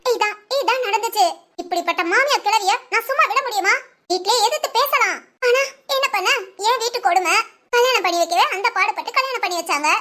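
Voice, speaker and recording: A woman's voice: very high-pitched, brisk, sharp tone, a little hiss or hum. A woman voicing a sly, defiant young village wife in a cartoon, sarcastic and muttering spiteful asides, with Tamil village speech. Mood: complaining. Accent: Tamil Nadu village speech. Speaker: daughter-in-law.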